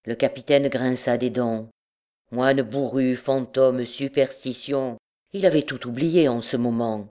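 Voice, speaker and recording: A woman narrating a classic novel for an audiobook with a calm, even reading. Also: very deep voice, a little slow. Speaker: audiobook reader.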